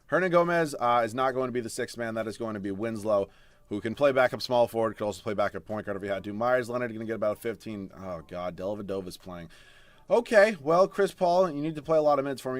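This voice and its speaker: Young man, gaming commentary, casual, excitable, swears, middle pitch, dry close mic. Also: dry recording. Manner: excitable, swings from mutters to loud outbursts, swears. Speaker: gaming streamer.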